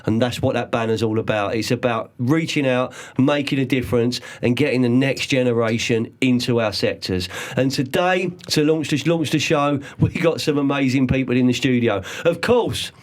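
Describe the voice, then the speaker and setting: A man in his forties, hosting a podcast in a studio with casual, upbeat showmanship and slow, drawn-out emphasis. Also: mid-range voice. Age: 40s. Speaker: podcast host.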